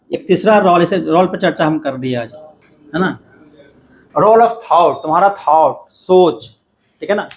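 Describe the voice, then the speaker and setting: A middle-aged man teaches a class in a classroom, speaking straight to his students. His voice sits fairly high, and he keeps checking that they follow him as he explains. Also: a little hiss or hum. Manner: addresses students directly, repeats "ठीक है ना" often. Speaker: coaching teacher. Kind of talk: classroom lecture.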